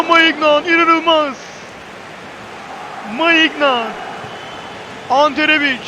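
A man doing live football play-by-play as an excitable commentator who screams players' names at big moments. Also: extremely high pitch, a little hiss or hum.

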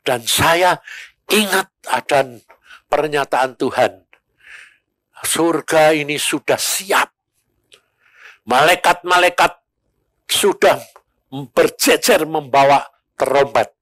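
A man's voice: on the high side, slow pace, long pauses, a bit bright, no echo. An older man, preaching a sermon and telling a story, acting out the voices of the people in it. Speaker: pastor.

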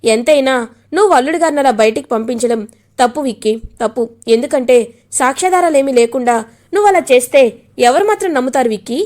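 A woman voicing an older uncle reasoning with his nephew, in a high voice. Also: fast, a little mellow, close to an everyday voice. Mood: reproachful. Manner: reproachful, reasoning.

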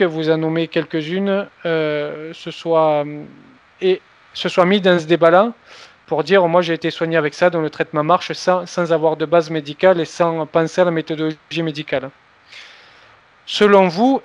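A male interview host who reads prepared questions from his notes and makes the occasional self-deprecating joke. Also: fairly high pitch.

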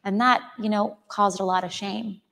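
A woman's voice: medium pitch, steady tone, moderate pace, creaky, a bit bright. Reflective woman from Chile in a hall. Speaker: author guest. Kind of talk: onstage interview conversation. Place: auditorium stage before an audience. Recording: hall with long reverb.

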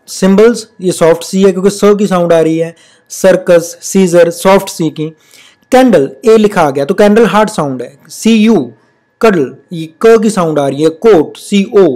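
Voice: medium pitch, mellow. Patient teacher. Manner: reads English rules out slowly and deliberately, then explains in Hindi; repeats example words in pairs, patient explaining tone. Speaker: English spelling teacher. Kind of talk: recorded classroom-style lesson.

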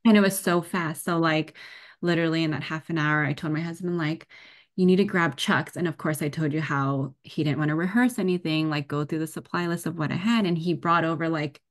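A young woman guest on a podcast, telling her birth story in a chatty, animated way, full of "like" and laughter. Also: low-pitched, brisk. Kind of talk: casual birth story told in an interview.

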